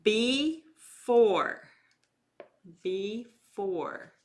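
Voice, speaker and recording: A woman calling bingo, announcing letters and numbers in a loud, drawn-out, deliberate way and repeating them. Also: medium pitch, expressive, a little hiss or hum. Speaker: bingo caller.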